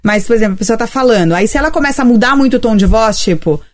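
A Brazilian woman in her thirties, chatting in a lively, talkative way as a podcast co-host. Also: a little high. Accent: Brazilian Portuguese. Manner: lively, chatty, quick storytelling. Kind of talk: casual podcast chat.

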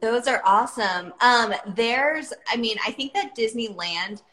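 A woman's voice: fairly high pitch, animated, a little slow, fairly bright tone, echoey room, slight background noise, low-quality recording. A woman in her thirties hosting a podcast, chatting casually and with bubbly enthusiasm. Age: 30s. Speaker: podcast host. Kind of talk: casual chat.

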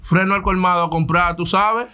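A man's voice: high-pitched, fairly even intonation, moderate pace, bright, forceful tone, clear, resonant tone. A man, a podcast guest telling a story in casual chat, laughing through it.

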